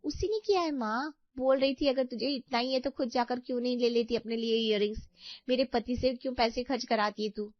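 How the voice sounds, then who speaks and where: A woman's voice: on the high side, a little fast, no room sound, natural voice. A woman voicing a spiteful, scheming young sister-in-law in a cartoon story, with an accusing, whiny manner. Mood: scornful. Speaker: voice actor. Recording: dry, slightly dull audio.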